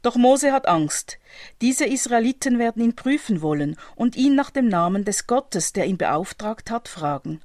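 A woman preaching, giving a calm, measured, explanatory reflection in a scripted style. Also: fairly high pitch, no room sound, clean studio sound.

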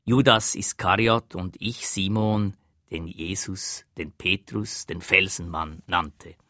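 A man's voice: low-pitched, steady tone, slow, pushed and bright, dry recording, clean studio sound. A man preaching a sermon as a dramatic, earnest first-person retelling.

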